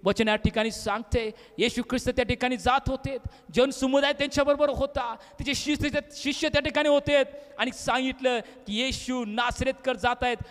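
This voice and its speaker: A very high, bright male voice preaches, dramatic and storytelling, bursting into shouts as he acts out crowd voices. The sound rings with long reverb, as if in a church hall. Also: fairly even intonation, normal speed, hardly any pauses. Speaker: pastor. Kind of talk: sermon.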